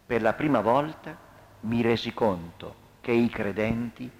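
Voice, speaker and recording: A man's voice: mid-range voice, a little slow. Man giving a dramatic storytelling reading. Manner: expressive, acts out quoted lines. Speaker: narrator.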